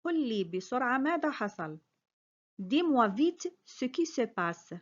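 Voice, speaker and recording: Speaking at a moderate pace, this high-voiced French teacher is very animated as she drills phrases slowly. Each clearly spoken model sentence is repeated and quickly translated. The recording is muffled.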